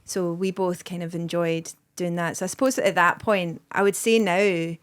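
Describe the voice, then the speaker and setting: A Scottish woman in her thirties, appearing as a guest comedian on a podcast, speaks in a lowish, steady voice at a moderate, smooth pace. Her casual chat rambles, full of "like" and "um," and breaks into bursts of laughter.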